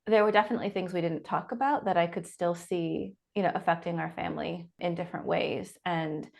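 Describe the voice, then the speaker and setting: Speaking a little fast in a gravelly, darkish, fairly low voice, a woman in her forties from the Pacific Northwest responds reflectively to interview questions as a visiting author. She thinks out loud and restarts her sentences as she goes.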